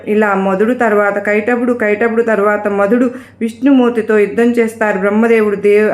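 Brief: female devotional storyteller, rather high voice, reads with restarts, roomy echo.

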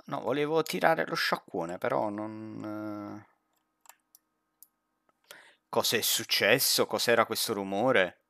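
Gaming streamer on a headset, bright and tense voice, laid-back pace, joking banter with a teammate. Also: medium pitch, takes it slowly, creaky, pauses often, dry recording, clean studio sound. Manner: chatty, laughs often, jokey banter with a teammate. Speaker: streamer playing a horror game with a friend. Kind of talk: casual gaming commentary.

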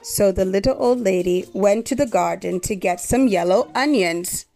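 A woman reading a children's story aloud in an expressive, measured storytelling way. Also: mid-range voice, vocal fry, faint music behind. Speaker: storybook reader.

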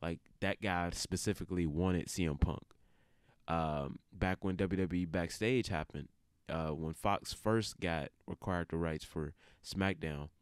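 A man with a very low, resonant voice delivers casual opinion commentary. He talks colloquially, breaking off into asides. The recording is dry and close. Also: a little mellow, smooth, dry recording. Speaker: video creator.

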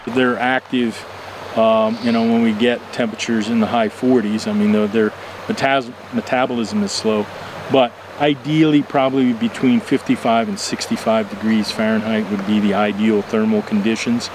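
An older man in his sixties answers interview questions beside a stream, explaining in a measured way with plenty of "uh" fillers. His voice is picked up on a lapel mic outdoors. Clear outdoor noise runs behind him. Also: lowish voice, flat delivery. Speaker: entomologist and fly fishing instructor.

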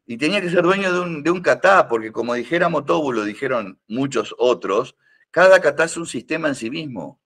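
Speaking fairly quickly in a higher-than-average, somewhat bright voice with lively intonation, an older Rioplatense Spanish-accented man chats as a podcast guest. He's a karate teacher who rambles with plenty of fillers and restarts and enjoys teasing.

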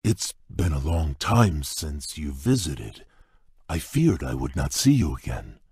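A man voicing a large, gentle, shy male beast prince in a video game, speaking in a gentle, halting and formal way with a very deep, husky voice. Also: very animated, no room sound, studio quality, exaggerated voice.

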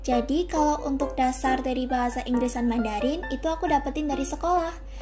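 High-voiced teenage Indonesian girl. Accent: Central Javanese Indonesian. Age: teens. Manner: friendly, chatty, addresses viewers directly. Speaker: journaling YouTuber. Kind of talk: casual Q&A voice-over while journaling. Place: bright room with shelves of stationery. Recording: voice over background music.

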